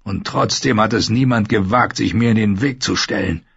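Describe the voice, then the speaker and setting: Brutal scarred warrior, low husky growl, read by a male narrator, dull dry sound. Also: moderate pace, fairly bright tone, no echo, heavily acted. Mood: menacing. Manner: gruff, scornful, growling. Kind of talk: audiobook character voice.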